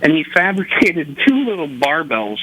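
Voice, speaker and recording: A man's voice: fairly high pitch, sing-song, normal speed, a bit bright, a little hiss or hum, low-quality recording. A middle-aged man telling rambling, joking, self-deprecating anecdotes as a radio interview guest. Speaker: interview guest, record holder.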